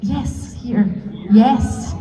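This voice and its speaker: A Scottish woman moderating a convention panel, chatty and self-deprecating, with quick asides. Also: fairly high pitch. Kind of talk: lively convention panel hosting. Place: large convention hall with audience. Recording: echoey convention hall from far off, crowd noise.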